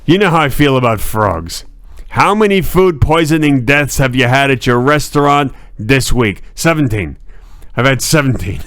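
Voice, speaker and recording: A man co-hosting a comedy stream, telling rambling absurd stories in a deadpan way. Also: mid-range voice, gravelly, no room sound, clean studio sound. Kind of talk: improvised comedy banter.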